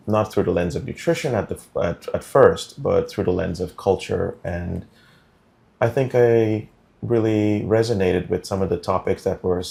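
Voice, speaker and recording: A deep-voiced man with a gravelly edge talks as a studio interview guest. He is middle-aged and from Guyana. He explains things slowly and deliberately, with frequent ums and uhs. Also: a little mellow. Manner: measured, deliberate, many um fillers. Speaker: interview guest, food policy director.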